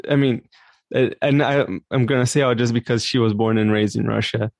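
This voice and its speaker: A man from Brazil, co-hosting a casual tennis chat, relaxed and full of fillers. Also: medium pitch, a little fast, gravelly, no echo. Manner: relaxed, hesitant with many fillers. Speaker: podcast co-host.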